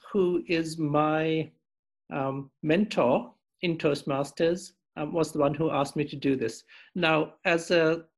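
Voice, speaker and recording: A man speaking over a video call, a little high for a man, with a gravelly and husky texture. He thanks his team in a halting, self-deprecating way, full of fillers and small restarts. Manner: hesitant, self-deprecating, many ums. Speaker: meeting host. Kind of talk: online meeting, casual thanks.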